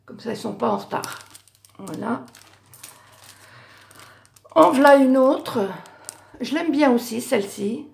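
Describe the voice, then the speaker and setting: A middle-aged woman, talking through her handmade crafts in a relaxed, halting way. Her voice is gravelly and a little hoarse, pitched somewhat high, and she stops often to correct herself. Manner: hesitant, many fillers and self-corrections. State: voice going hoarse. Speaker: craft YouTuber. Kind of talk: casual show-and-tell of handmade cards.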